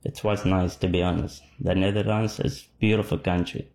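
A man's voice: low voice, flat delivery, moderate pace, vocal fry, darkish tone. A man from Iraq whose first language is Arabic, answering interview questions at home in short, casual replies full of fillers. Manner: short answers, many fillers, laughs easily. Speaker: interviewee, football fan. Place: his home.

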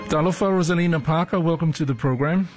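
A man hosting a radio interview program, asking questions in an unhurried way with many pauses and fillers. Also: a little high, slightly rough, faint music behind.

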